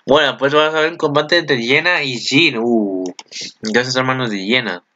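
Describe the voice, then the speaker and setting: Excitable bright-voiced Spaniard, lo-fi sound. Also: male voice, moderate pace, a little hiss or hum. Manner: excitable, chatty, with sudden high exclamations. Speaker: video commentator. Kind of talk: casual reaction commentary.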